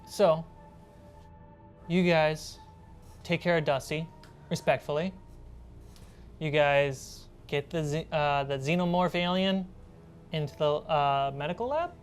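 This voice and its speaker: Background music plays as a game master of a tabletop role-playing game, a woman, narrates scenes and responds to players. Her voice is deep, her pace slow, and she pauses often.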